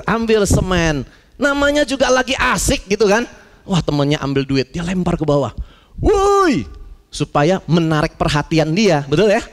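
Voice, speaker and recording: A male pastor preaching a lively, conversational sermon, mixing slang with acted-out stories. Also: on the high side, vocal fry, big-room sound.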